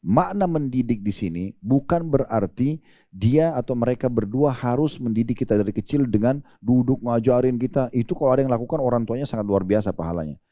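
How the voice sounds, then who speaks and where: Warm, dry-voiced male preacher. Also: medium pitch, animated, fairly quick, no room sound. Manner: conversational storytelling with rising emphasis. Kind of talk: sermon.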